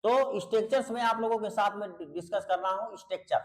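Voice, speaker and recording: This English teacher, a man with a high voice, gives an online grammar lesson, explaining in Hindi and modeling pronunciation. He talks fast, repeats key words to drill each point, and asks students to answer back, patiently and fondly calling them beta. The audio is poor.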